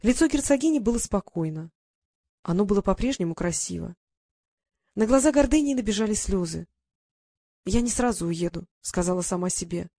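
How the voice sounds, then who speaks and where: Female audiobook narrator, mid pitch, dry booth sound, measured read. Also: expressive, warm tone, no room sound.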